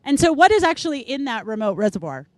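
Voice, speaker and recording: A woman's voice: sing-song, fast, a little mellow, no echo. A woman hosting a live show, chatting casually and enthusiastically with guests at an outdoor rally event. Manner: chatty, enthusiastic, acts out quotes with big pitch jumps. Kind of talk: casual on-site interview.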